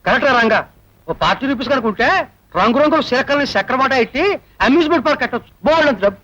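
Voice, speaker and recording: A man's voice: very high-pitched, expressive, racing, sharp tone, exaggerated voice. An actor playing an older man who rambles wistfully about riches. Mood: eager. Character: daydreaming older man fixated on rupees. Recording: dull old film soundtrack with faint noise.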